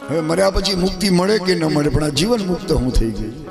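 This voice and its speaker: Gujarati man, katha preacher, storytelling sermon over steady devotional music. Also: a little high, quick pace, gravelly. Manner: storytelling with rhetorical asides to devotees. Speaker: Shiv Puran katha preacher.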